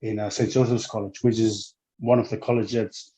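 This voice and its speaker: A man's voice: on the low side, little pitch movement, moderate pace, dark tone, rough recording. A man in his forties from Samoa, speaking in a casual interview as a guest, hesitant and full of fillers and restarts. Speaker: guest, former rugby player.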